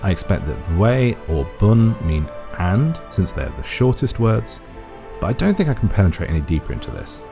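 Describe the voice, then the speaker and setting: Over background music, a man with a lowish, creaky voice and big pitch swings narrates an analytical video essay explainer at normal speed. He's methodical, reasoning aloud and venturing careful guesses.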